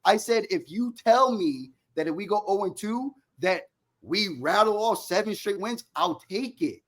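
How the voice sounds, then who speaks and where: Higher-pitched man in a heated sports debate. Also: lively intonation, a little slow. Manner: argumentative, insistent, interrupting, repeats points, slangy and profane. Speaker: sports fan debater, Cowboys supporter.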